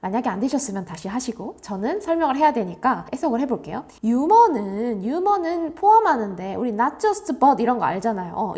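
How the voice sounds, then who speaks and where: Animated, high-voiced woman tutor. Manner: emphatic, coaching, animated. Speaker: English tutor. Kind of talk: online exam-prep lesson.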